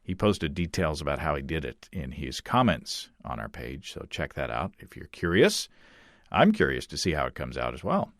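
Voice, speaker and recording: A man's voice: a bass voice, very animated, normal speed, a bit bright, no room sound, studio quality. A man hosting a podcast, reading listener notes aloud in an easygoing, chatty way. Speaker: podcast host.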